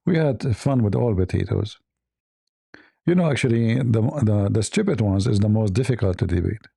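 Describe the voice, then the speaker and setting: A man hosting a livestream debate, raspy and mocking, halting with many fillers. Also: fairly low pitch, lively intonation, dark tone, no room sound, clean studio sound. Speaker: host.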